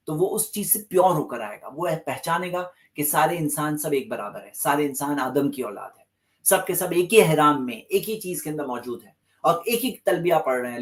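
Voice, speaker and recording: A man delivers a religious lecture with a lively, swinging pitch that rises and falls through every sentence. He stresses his points by repeating key phrases. He slips English terms into his speech. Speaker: Islamic lecturer.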